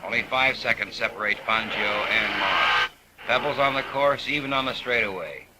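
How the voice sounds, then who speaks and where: A man narrating race footage on an old 1950s film soundtrack, relaxed and dropping wry asides. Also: fairly low pitch, moderate pace. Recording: hissy, noisy vintage film recording.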